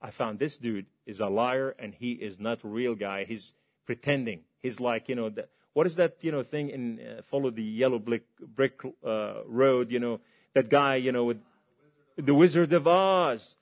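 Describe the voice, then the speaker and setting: An impassioned male preacher from Lebanon gives a testimony sermon, swinging between loud and hushed. His voice is mid-range and his pace normal.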